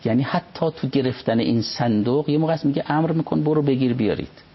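A man, a religious scholar, reciting Arabic passages and explaining them in an unhurried conversational commentary. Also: medium pitch, slightly rough. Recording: dull lo-fi recording.

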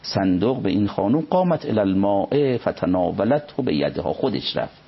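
A man, a religious scholar, reciting Arabic passages and explaining them in an unhurried conversational commentary. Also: lowish voice, big pitch swings, creaky, husky. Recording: dull lo-fi recording.

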